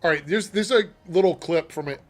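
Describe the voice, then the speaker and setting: A man's voice: on the high side, a little fast. A man hosting a casual livestream chat, reading viewer messages and laughing often. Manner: chatty and animated, laughs often. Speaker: livestream host.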